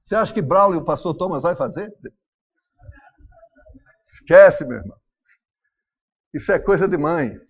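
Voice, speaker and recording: Brazilian male pastor, lively high voice, dull lo-fi church recording. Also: normal speed, long pauses, slightly rough. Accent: Brazilian Portuguese. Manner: animated preaching, acts out family dialogue. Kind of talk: sermon.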